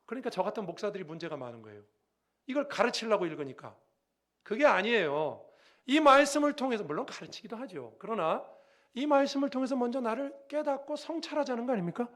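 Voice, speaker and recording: High-voiced pastor preaching with lively stories. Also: male voice, a little fast. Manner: lively storytelling, acting out quoted voices; asks the congregation questions directly. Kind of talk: sermon.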